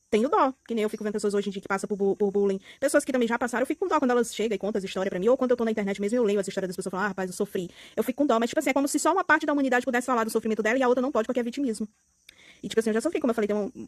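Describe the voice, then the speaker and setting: A young woman with a Brazilian Portuguese accent, venting outspokenly in a casual vlog, swinging between soft and loud. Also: fairly high pitch, no room sound. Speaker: vlogger.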